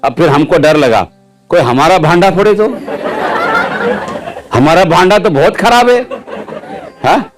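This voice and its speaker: Male preacher with a somewhat high voice, lively testimony storyteller who keeps quizzing the audience, faint music behind. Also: measured pace, pauses often. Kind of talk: sermon testimony.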